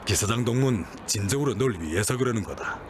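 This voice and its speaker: A man playing a deep-voiced calm mine director. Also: fairly quick, noisy background, lightly acted. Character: older male mine director, calm and paternal.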